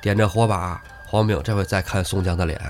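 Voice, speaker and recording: A man's voice: low-pitched, fast talker, soft background music. A man co-hosting a podcast, retelling a classic novel in a casual, joking storyteller's way. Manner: lively, storytelling, jokey. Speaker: podcast co-host.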